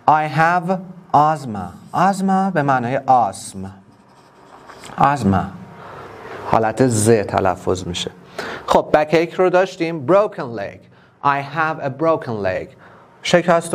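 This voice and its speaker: A man with a Persian accent teaching an English class online, explaining each word step by step and repeating it slowly. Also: on the high side.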